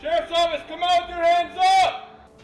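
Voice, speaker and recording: A man in a training scenario shouting police commands through a megaphone. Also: extremely high pitch, flat delivery, normal speed, roomy sound, soft background music.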